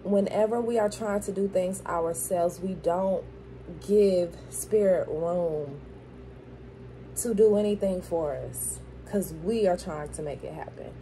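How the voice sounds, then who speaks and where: With a dental grill in her mouth, a spiritual tarot reader from Florida, USA, speaks slowly in a fairly low, dark voice. Her casual pep talk is affirming, leaning on repeated phrases and frequent "okay?" check-ins. The audio is poor and carries slight background noise.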